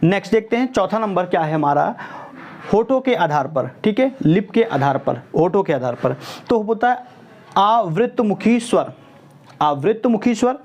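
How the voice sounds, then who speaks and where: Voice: mid-range voice, a little mellow. Teacher drawing out vowel sounds. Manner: keeps checking in with "ठीक है" and "clear है?"; mixes English words into explanations. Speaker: Hindi grammar teacher. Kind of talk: exam-prep lesson.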